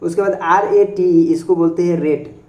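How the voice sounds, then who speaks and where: A male teacher talks through a pronunciation lesson at a steady, patient pace. He spells each word out letter by letter, then asks what it should be read as and answers himself. He closes nearly every point with a quick "okay". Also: high-pitched. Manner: repeats "okay" often and answers his own questions. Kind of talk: classroom-style spoken lesson.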